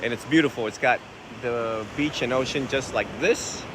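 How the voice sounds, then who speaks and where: A man from Vietnam, a Buddhist monk, answering viewers' questions in a relaxed, conversational way outdoors by the ocean, recorded on a phone. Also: mid-range voice, moderate pace. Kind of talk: casual outdoor Q&A talk. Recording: phone recording with wind and surf noise. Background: ocean waves and wind.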